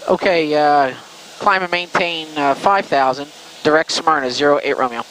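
A man with a fairly high voice speaks as a pilot over a headset in a small cockpit. He makes radio calls and short remarks, with aircraft drone faintly behind him. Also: normal speed, fairly bright tone, a little hiss or hum, rough recording. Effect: pilot headset intercom. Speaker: private plane pilot. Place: small plane cockpit in flight.

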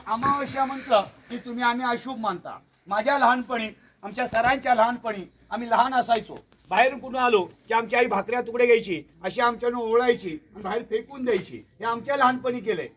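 Outdoors at a hill fort, a male tour guide leads a school group, telling its history dramatically, repeating words for effect and quizzing the crowd. His voice is extremely high and fairly bright, and he talks briskly with few pauses.

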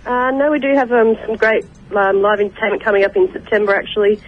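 A woman's voice: medium pitch, quick pace. A woman speaking by telephone in a radio interview, polite and hesitant with many fillers. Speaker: sports club representative. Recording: muffled phone line.

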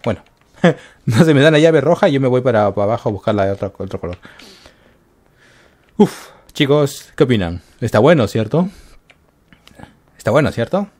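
A man's voice: mid-range voice, expressive, brisk, long pauses, darkish tone. A man giving casual gameplay commentary, muttering to himself and calling out to his viewers. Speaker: gaming channel host.

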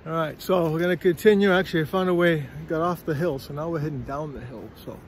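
A quick-paced, higher-than-average male voice belongs to a middle-aged man filming himself on a phone at arm's length along a windy forest trail. It's a casual walking vlog; he's a little out of breath, chatty and rambling, with a habit of asking "all right?"

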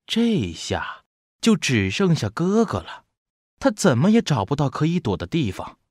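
Expressive man reading a children's picture book. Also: on the high side, measured pace, no room sound, studio quality. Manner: expressive, storytelling. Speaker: storybook narrator, voice teacher.

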